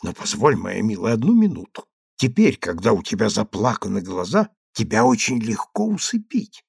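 A man's voice: fairly low pitch, wildly swooping pitch, moderate pace, vocal fry, slightly rough, no echo, studio quality, pitched below the performer's own voice, full character voice. A man doing a domineering, threatening husband. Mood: coaxing. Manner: coaxing, then loud and threatening. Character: domineering, angry middle-aged consul husband.

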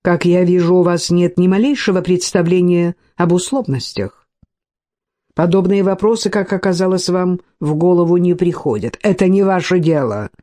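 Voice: mid-range voice, normal speed, warm tone, close to an everyday voice. A reader voicing a proud, hot-tempered young aristocrat who speaks curtly and flares up. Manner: curt, seething, rising to outbursts.

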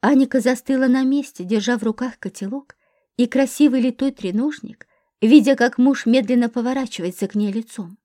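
A woman narrates a dramatic novel in a steady, scripted reading. Her voice sits fairly high with a dark, mellow tone. The sound is dry and close to the mic. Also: a little fast, no echo. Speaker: audiobook narrator.

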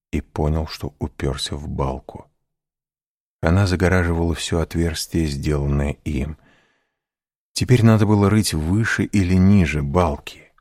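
Male narrator, low pitch, dry close sound, measured reading of a classic novel. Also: no echo. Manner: measured, even storytelling. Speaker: audiobook narrator. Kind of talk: scripted narration.

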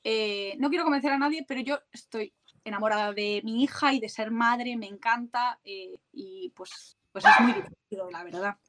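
A woman's voice: a little high, normal speed, fairly bright tone. A middle-aged woman with a Spain Spanish accent, a podcast guest talking casually and animatedly, often mimicking other people's voices. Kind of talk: casual interview talk.

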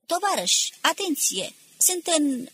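A woman reading aloud, voicing a desperate male engineer and former officer who shouts warnings over a crowd. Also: mid-range voice, expressive, husky. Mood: urgent, warning.

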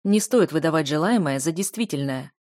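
A woman voicing a cold, aloof young male dark mage who speaks curtly and dismissively. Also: low-pitched, lively intonation, brisk, no echo, clean studio sound. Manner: curt, dismissive, restrained.

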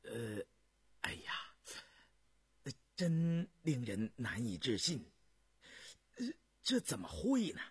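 A man's voice: fairly low pitch, expressive, husky, dry recording, pitched below the performer's own voice, full character voice. A man doing a frank, plainspoken courtier. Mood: puzzled. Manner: hesitant, with drawn-out fillers. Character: bold, plainspoken court official, adult man. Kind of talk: storytelling radio reading.

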